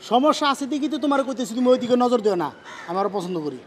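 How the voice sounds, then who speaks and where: An actor playing a jealous, whining bachelor friend who talks in rustic colloquial speech, in a comic television drama. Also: male voice, very high-pitched, lively intonation, racing, slight background noise.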